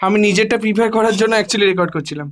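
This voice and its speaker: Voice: medium pitch, rapid-fire. A person chatting casually and prompting others in a group. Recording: loud crowd noise around voice.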